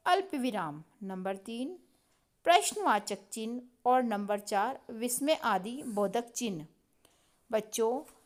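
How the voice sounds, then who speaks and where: A woman teaching a grammar lesson to children, speaking slowly and deliberately, asking the class questions and answering them herself. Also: high-pitched. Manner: slow, deliberate, addresses children directly.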